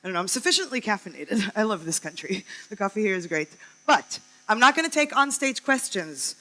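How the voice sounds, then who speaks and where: Woman, conference speaker, bright tone, upbeat and chatty, stage mic. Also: medium pitch, lively intonation, brisk, poor audio. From California. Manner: chatty, upbeat, many ums. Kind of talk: conference talk.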